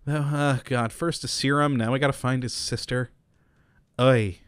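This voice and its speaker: A man's voice: mid-range voice, steady tone, normal speed, clear, resonant tone, no room sound, studio quality. A man giving casual, chatty commentary while playing a game, laughing often and humming to himself. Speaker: gameplay commentator. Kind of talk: casual let's-play commentary.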